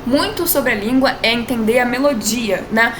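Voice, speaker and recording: A woman teaching a language lesson in a chatty way, saying example sentences slowly and often asking whether you follow. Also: on the high side. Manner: chatty, drawn-out model phrases, frequent tag questions. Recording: echoey room with faint noise.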